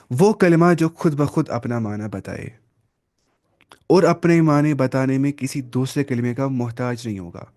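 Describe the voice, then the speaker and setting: A man teaching an online Arabic grammar lesson. He explains step by step, asks the class questions and answers them himself, mixes in English terms and reads Arabic words slowly. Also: mid-range voice, darkish tone.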